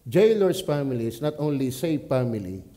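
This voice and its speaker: A man with a Batangas accent, a pastor preaching at a church prayer meeting, swinging from quiet asides to loud exclamations. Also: mid-range voice, sing-song, moderate pace. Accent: Filipino, Batangas.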